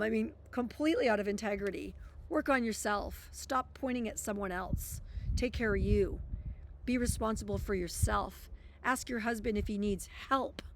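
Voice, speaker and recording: A woman's voice: medium pitch, gravelly. A woman who reads passages from a self-help book aloud and breaks off into emphatic, blunt commentary.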